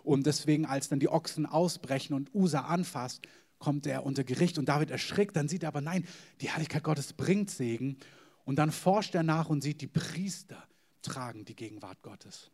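A man preaching a sermon to a congregation, emphatic, with sudden loud stresses and hushed, whispered asides. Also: on the high side, normal speed. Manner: addresses the congregation directly.

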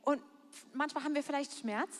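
A woman's voice: high voice, fairly quick. A woman interpreting a sermon live into German, earnest, stopping with fillers as she searches for words. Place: church hall. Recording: long hall reverb.

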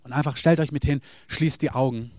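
A man's voice: medium pitch, steady tone, a little fast, a little mellow, no echo, studio quality. A man preaching a sermon, speaking earnestly and addressing the listeners directly.

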